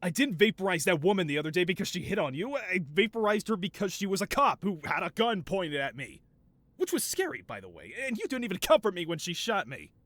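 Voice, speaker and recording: This man's exaggerated voice is high-pitched and a bit bright, with no echo, as he plays an indignant mad scientist supervillain boss in a scripted audio roleplay. The character is flamboyant and doting, delivered in a theatrical, wheedling, self-justifying way.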